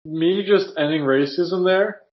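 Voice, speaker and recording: A man's voice: sits high, unhurried, lo-fi sound. A young man co-hosting a podcast, goofy and playful, often trailing off mid-sentence. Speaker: podcast co-host. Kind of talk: casual chat.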